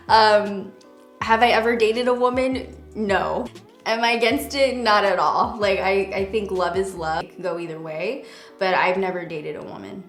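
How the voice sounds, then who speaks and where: A woman in her thirties chatting casually to camera, laughing often and answering viewers in a relaxed way. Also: mid-range voice, echoey room. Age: 30s. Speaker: beauty YouTuber.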